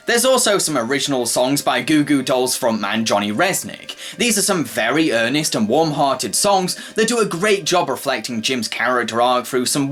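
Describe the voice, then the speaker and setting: A man's voice: mid-range voice, a bit bright. A man narrating a scripted film review. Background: faint background music.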